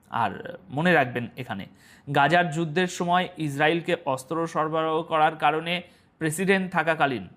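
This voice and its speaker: A man delivers international news commentary in an animated, sing-song manner. His voice sits high for a man and swings widely, rising and falling through each phrase. He talks straight to his viewers, often posing rhetorical questions. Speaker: news presenter.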